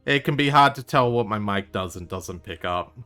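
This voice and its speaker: A man streaming a game live, tossing off dry, wry remarks and the odd curse. His voice sits a little low, and faint game music plays underneath. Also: animated, moderate pace, pushed and bright. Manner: wry, offhand, swears freely. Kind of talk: casual live game commentary.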